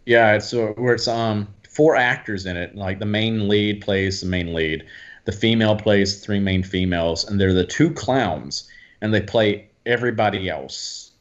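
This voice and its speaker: A man's voice: lowish voice, normal speed, highs cut off. A man from Alabama, a guest actor chatting casually and animatedly, often slipping into voices to act out quotes. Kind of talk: casual chat.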